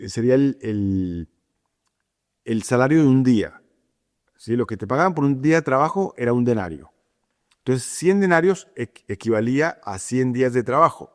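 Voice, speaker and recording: A man teaching a Bible lesson in a plain, mid-pitched voice. He talks conversationally, with fillers and frequent restarts, and keeps checking in with his listeners. His voice carries a long reverb from a big hall. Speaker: preacher.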